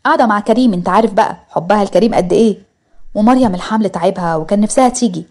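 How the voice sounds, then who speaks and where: A woman's voice: medium pitch, rapid-fire, a little mellow, close to an everyday voice. A woman voicing a chatty family man explaining why relatives could not come to a party.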